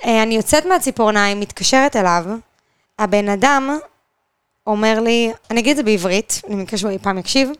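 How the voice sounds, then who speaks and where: A young woman telling a story on a podcast, animated, acting out the people she quotes. Her voice sits fairly high and comes through smooth and clear. The sound is dry and close. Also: no echo. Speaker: podcast co-host. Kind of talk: casual chat, storytelling.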